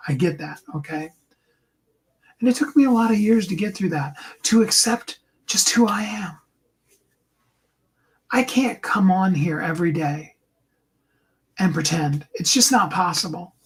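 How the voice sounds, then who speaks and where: A host and coach with a fairly high tenor voice delivers an earnest, encouraging motivational talk to his viewers. He often slows down and drops into a soft whisper, and his delivery is animated.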